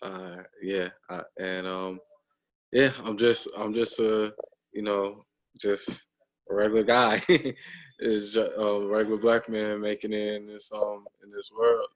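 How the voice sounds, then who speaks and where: A man in his thirties speaks over a video call in a low, even voice that barely rises or falls. He talks casually as a guest. He pauses often, with frequent ums and restarts. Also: rough recording. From United States. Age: 30s. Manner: hesitant, many ums and restarts.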